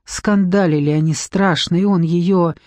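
A woman's voice: lowish voice, steady tone, a little slow, darkish tone, dry recording, studio quality, natural voice. Woman voicing a defiant young woman. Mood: confiding. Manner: scornful, defiant. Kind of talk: audiobook reading.

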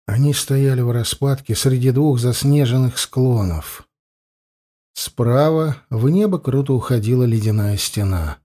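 Man reading an audiobook, mellow dark voice, calm steady narration. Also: mid-range voice, unhurried. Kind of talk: scripted narration.

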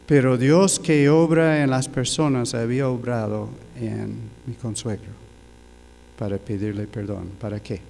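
Older guy preaching slow, halting, gravelly low voice, big echoey hall. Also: fairly even intonation, darkish tone. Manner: slow, halting storytelling with fillers. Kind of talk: sermon testimony.

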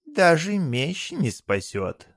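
A man voicing a fat, cackling male bathhouse spirit with a high, teasing, wheedling voice. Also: sing-song, slow pace, gravelly, no room sound, clean studio sound, full character voice. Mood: hushed.

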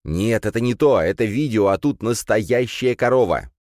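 A man voicing a naive, excitable young city man who exclaims eagerly at everything. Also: lowish voice, normal speed, no echo, clean studio sound, pitched above the performer's own voice, natural voice. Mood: excited.

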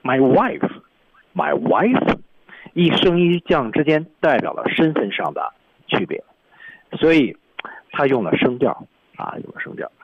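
In a radio studio, a man explains film dialogue for an English lesson, breaking each line down by its stressed words and tones. His fairly high voice swings widely in pitch at a moderate pace, and the audio has its highs cut off plus a little hiss or hum.

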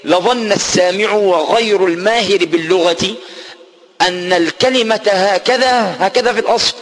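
A man with an Egyptian accent teaching a lesson on Quran recitation, explaining patiently and slowing down to chant the verses. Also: high voice, a bit bright.

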